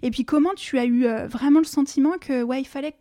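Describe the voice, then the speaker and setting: A woman's voice: sits high, quick pace, dark tone. A woman hosting a podcast interview, asking long, rambling questions in an encouraging way.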